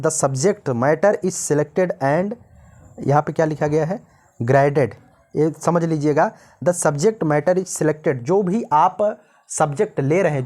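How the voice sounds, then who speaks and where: A male teacher from North India, with an Indian accent and a slightly high, slightly mellow voice, gives a recorded exam-prep lecture. He explains in Hindi, reads English notes slowly, and often checks in with "ठीक है ना".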